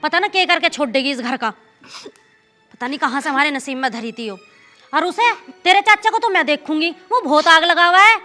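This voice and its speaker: A woman as a high, sharp-tongued village mother. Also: brisk, soft background music. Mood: soothing. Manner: scolding, earthy village speech.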